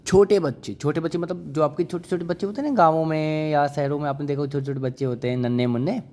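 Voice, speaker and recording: This vocabulary teacher talks fast in a highish, mellow voice with fairly even intonation. In his classroom lecture he repeats words, keeps quizzing the class with questions, and coaxes them along, calling them brother and child.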